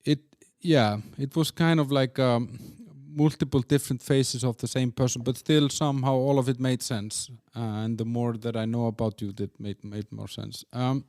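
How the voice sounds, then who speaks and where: A man's voice: mid-range voice, fairly even intonation, normal speed, hardly any pauses, a little mellow, no room sound, clean studio sound. A man hosting a podcast interview, asking his guest questions in a loose, rambling way. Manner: rambling, with many fillers and restarts. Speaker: podcast host. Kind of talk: casual interview.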